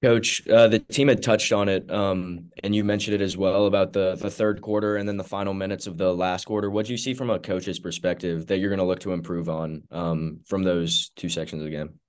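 A man, a reporter, asking a coach a halting question with fillers. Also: low voice, fairly even intonation. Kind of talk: press conference questions.

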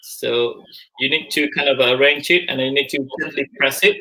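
In a rough recording, a man in his forties speaks at medium pitch in a steady, sharp tone and at a moderate pace. He's hosting an informal live cooking demo from his home kitchen, chatting while working and thinking aloud with plenty of fillers. Sound comes via a video call camera carried around the kitchen.

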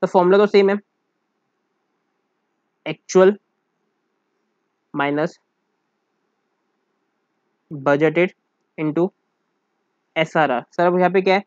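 With a high, slightly mellow voice, a commerce teacher moves slowly through a casual accounting lesson, leaving long pauses. He calculates aloud in Hindi mixed with English, calls the listener "sir," and keeps asking whether students follow. The sound is dry, dull, and muffled.

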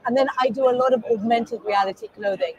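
A woman's voice: a little high, fast, husky, muffled recording. A middle-aged woman from Kenya, talking enthusiastically as an interview guest at an indoor expo booth. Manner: animated, enthusiastic, gesturing while talking. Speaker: guest artist. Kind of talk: casual interview.

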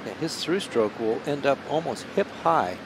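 A man's voice: medium pitch, lively intonation, normal speed. Guy analyst doing golf commentary, short chatty technical bits, outdoor noise behind him.

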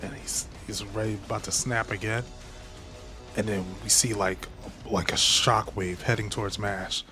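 A young man hosting a casual manga reaction, giving excitable play-by-play full of fillers like "like". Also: fairly low pitch, moderate pace, soft background music. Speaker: reaction channel host.

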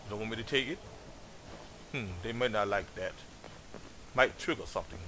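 A man's voice: on the low side, moderate pace, bright, forceful tone. A man giving gameplay commentary in character, musing and chatting to his in-game companions. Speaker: let's play gamer. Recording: noisy background.

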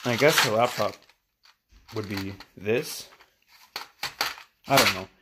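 Heavy background noise surrounds a young man speaking slowly in a fairly low voice as he cooks in his kitchen. He rambles crudely for a casual home vlog, swearing frequently and mumbling offhand, while a phone camera is held and moved around.

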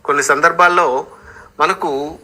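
A male pastor preaching a sermon, telling the story in an animated way. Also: a little high, unhurried.

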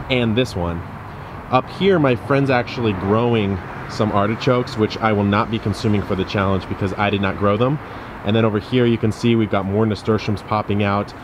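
A man in his thirties hosting a casual garden tour vlog, talking straight to a camera held close to his face, chatty and upbeat. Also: fairly low pitch. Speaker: gardening channel host. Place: outdoor front and side yard garden by a street, then a garden shed. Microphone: handheld camera close to face. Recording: outdoor street noise audible.

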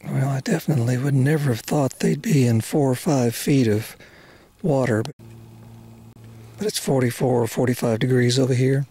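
Out on a lake in a small boat, an older fisherman talks casually to the camera mounted on board, and even to the fish he catches, in a folksy way. His voice is medium-pitched, steady and mellow at a normal speed, with faint outdoor noise around him.

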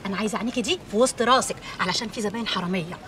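A woman's voice: medium pitch, racing, close to an everyday voice. An actress with an Egyptian accent playing a streetwise, bossy, teasing saleswoman in a TV drama. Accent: Egyptian Arabic. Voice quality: brash, teasing. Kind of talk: TV drama acting. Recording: distant mic with faint background noise.

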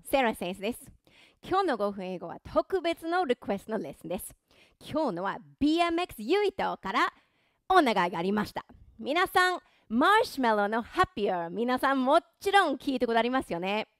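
Woman, language teacher, encouraging, playful, smooth clear voice, dry close sound. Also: sits high, very animated, normal speed, no echo. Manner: encouraging, playful, self-deprecating. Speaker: English teacher. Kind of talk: pronunciation and singing lesson.

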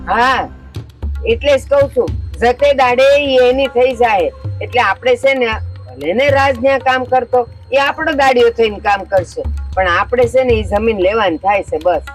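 A high-pitched older woman speaks. She plays a domineering mother-in-law who scolds and pushes, and faint music runs behind her. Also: normal speed, slightly rough. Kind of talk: village family drama acting.

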